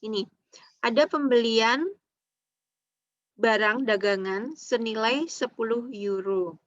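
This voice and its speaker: Speaking slowly in a slightly high voice, a woman lecturer patiently explains accounting step by step in an online class, checking that students follow and ending lines with "ya" and "gitu." The recording is dry, with dull lo-fi online call quality.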